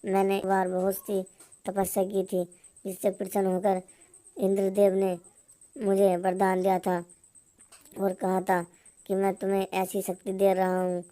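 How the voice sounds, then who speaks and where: एक महिला कार्टून कहानी में एक बूढ़े, डींग मारने वाले और धमकाने वाले जंगल के चोर की आवाज़ सपाट कथा-वाचन अंदाज़ में पढ़ रही है।. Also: female voice, medium pitch, measured pace, long pauses, close to an everyday voice. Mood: boastful. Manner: monotone storybook reading. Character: old male forest thief, boastful and threatening.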